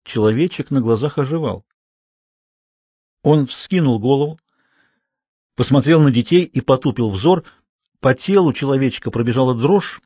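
A man narrating a children's audiobook in an expressive storytelling manner. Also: mid-range voice, no room sound, clean studio sound.

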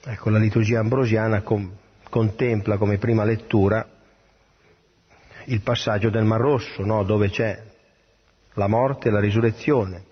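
A man's voice: lowish voice, fairly even intonation, unhurried, pauses often, husky. A man, a priest, reading the gospel and giving an earnest homily in a plain manner, with small restarts. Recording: dull lo-fi radio broadcast.

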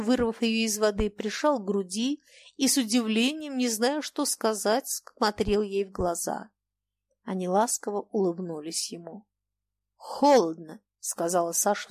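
A woman reading a classic novel aloud in an expressive, measured way. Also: medium pitch, dry recording. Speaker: audiobook narrator. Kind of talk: scripted narration of a classic novel.

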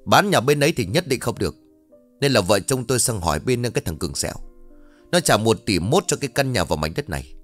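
A man's voice: quick pace, pauses often, soft background music, natural voice. A man voicing a greedy, harsh young daughter-in-law who snaps and hisses. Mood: scornful. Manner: shrill, spiteful, snapping.

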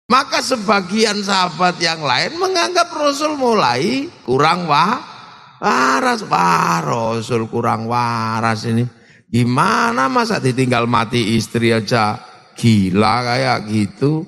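Gravelly, high-voiced preacher in a hall. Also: male voice, big pitch swings, slow. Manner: dramatic, shifts between shouts and low asides. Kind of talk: humorous sermon storytelling. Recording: long hall reverb.

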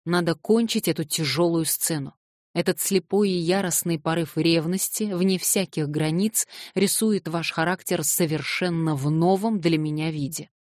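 A cold, haughty older prince lectures with smooth condescension, as a woman narrator puts him on. His voice is pitched low for her and recorded close and dry, in the manner of a storybook reading. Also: normal speed, a little mellow, no room sound, natural voice. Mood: measured, cold. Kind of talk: audiobook reading.

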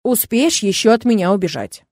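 Hot-tempered protective young man in a storybook, as a woman puts him on, snapping, mellow low tone. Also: lively intonation, moderate pace, no room sound, clean studio sound, lightly acted. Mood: firm. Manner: snapping, angry.

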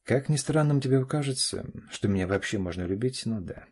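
A man's voice: medium pitch, animated, brisk, a little mellow, husky. A man voicing a firm, self-assured middle-aged father in an audiobook, speaking curtly and clipped. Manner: curt and clipped. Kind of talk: audiobook character voice.

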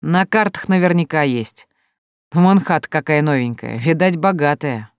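A reader voicing a rough, drunk, brutal man who threatens and snarls slowly and loudly in an audiobook. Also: medium pitch, no room sound, clean studio sound, natural voice. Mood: menacing. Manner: coarse, menacing, slow and loud. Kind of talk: audiobook character voice.

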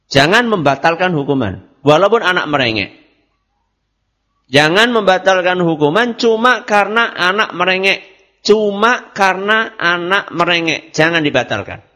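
Lively male preacher. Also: fairly high pitch. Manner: asks and answers his own questions, mixes in Javanese words. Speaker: Islamic preacher. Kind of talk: religious study lecture.

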